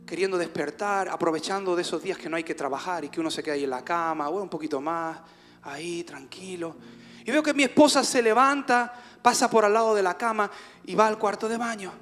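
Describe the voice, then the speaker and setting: A man with a Spanish accent from Spain preaches in a notably high voice at a church service. His sermon weaves in personal testimony, and he moves from ringing, shouted declarations down to hushed near-whispers. Soft music sits faintly underneath. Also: a little fast. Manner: dramatic preaching, swings from loud cries to hushed near-whispers. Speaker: visiting pastor.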